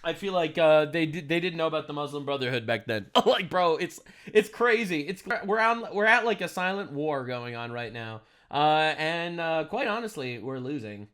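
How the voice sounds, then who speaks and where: Bright, animated reacting man. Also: on the high side, moderate pace, few pauses. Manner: animated interjections, swings from loud outbursts to muttering. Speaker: co-host reacting. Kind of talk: casual live reaction chat.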